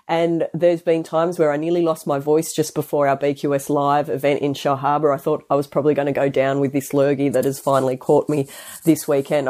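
Stuffed up with a head cold, a woman who is a health practitioner chats on her solo podcast, rambling with restarts and asides. Her voice is low-pitched with a darkish tone.

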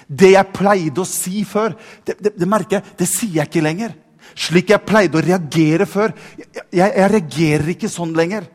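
A male preacher delivers a sermon in a fairly high voice, repeating words as he presses his point and growing more fervent. His voice carries a long reverb from a large church hall. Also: slightly rough.

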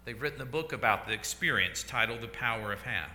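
A man preaching a sermon as pastor, slow and deliberate, letting his voice fall to a hush at the ends of phrases. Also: mid-range voice, a little hiss or hum. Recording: echoey church hall.

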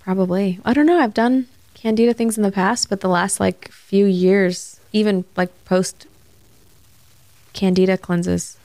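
A woman in her thirties chats on a casual podcast, animated and storytelling. Her voice sits at a middle pitch. The room is dry and close. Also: measured pace, no room sound. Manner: animated storyteller, jumps into high voices when quoting. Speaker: podcast co-host. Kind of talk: casual chat.

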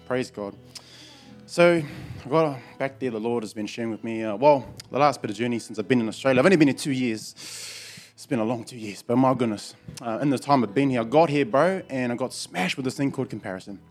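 A man's voice: mid-range voice, fairly quick, soft background music. A man with a broad New Zealand accent giving an informal church testimony in slangy, colloquial, matey speech. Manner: slangy and colloquial, often saying "bro".

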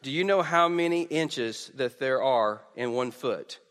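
Delivering an informal sermon to a congregation, a man speaks at a measured pace in a mid-range, a bit bright voice, often stammering as his phrases begin. The sound travels through a pulpit mic and PA into an echoey hall with long reverb.

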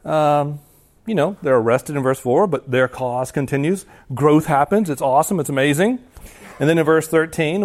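A man's voice: medium pitch, a little mellow. A man preaching a sermon in a casual, conversational way, often slipping into quoted lines. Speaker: pastor.

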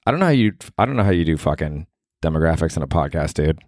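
A man's voice: rumbling low, very animated, fast, a little mellow, no room sound, clean studio sound. An American man hosting a solo comedy podcast in casual chat, profane, rambling and self-mocking. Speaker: podcast host.

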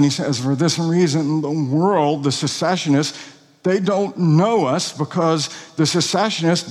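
A man's voice: on the high side, long reverb tail. A pastor preaching an expository sermon, earnest and emphatic, asking rhetorical questions of his congregation.

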